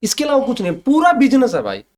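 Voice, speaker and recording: A young man from Haryana argues hard as a podcast guest, his voice pitched high and swinging widely. He hammers each point home and keeps calling his host "brother". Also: wildly swooping pitch, fast talker, darkish tone. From Haryana, India. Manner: emphatic, keeps saying "bhai", repeats points. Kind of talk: heated casual debate.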